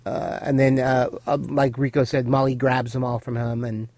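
A man's voice: medium pitch, little pitch movement, normal speed, darkish tone, no room sound. A man co-hosting a casual recap chat, explaining and filling in details. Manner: explanatory, adds detail and corrections. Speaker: podcast co-host.

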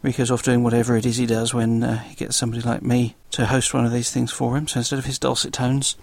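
Fast-talking South London man, slightly gravelly. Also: medium pitch, completely flat delivery, a little mellow, dry recording. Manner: self-deprecating, dry humour. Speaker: guest podcast host. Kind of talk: casual solo podcast talk.

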